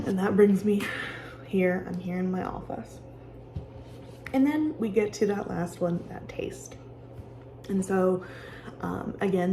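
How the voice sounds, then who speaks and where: Low, mellow-voiced woman guiding an exercise. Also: vocal fry, a little hiss or hum. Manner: conversational, explains with personal examples. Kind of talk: casual instructional talk, guiding an exercise. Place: office with sound machines nearby.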